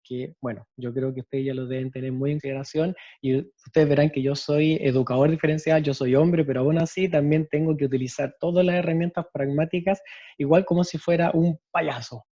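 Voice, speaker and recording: A man's voice: fairly high pitch, steady tone, brisk, warm tone, no echo, lo-fi sound. A male special education teacher with a Chilean accent, giving an explanatory lecture on storytelling and often checking in with tag questions. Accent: Chilean Spanish.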